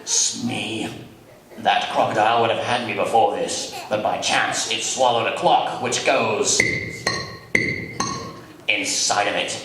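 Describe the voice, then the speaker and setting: A man's voice: lowish voice, fairly even intonation, slow, long pauses, a bit bright, faint music behind. A man playing a vengeful, theatrical villainous pirate captain with blustering delivery in an old-time radio play. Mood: grim dread. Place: large hall, live stage show. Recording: very echoey hall, distant microphone.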